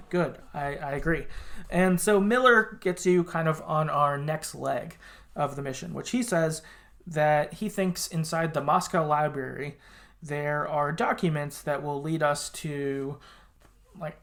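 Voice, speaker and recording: A man hosting a podcast talks in a fairly high, somewhat bright voice. He gives a loose, conversational retelling of a game's story, swearing at times and drifting into colloquial tangents.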